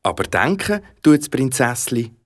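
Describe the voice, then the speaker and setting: Swiss german storyteller reading a fairy tale, super lively voice all over the place. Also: mid-range voice, unhurried. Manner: expressive, animated.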